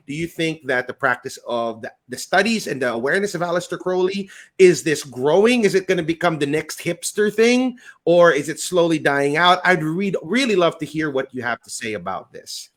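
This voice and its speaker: A man's voice: on the high side, a bit bright. A man hosting a podcast interview, asking questions in a casual, upbeat way. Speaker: podcast host.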